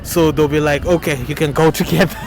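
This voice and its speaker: A man from Zimbabwe answering street interview questions in a relaxed, somewhat hesitant manner. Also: on the high side, a little fast, rough recording.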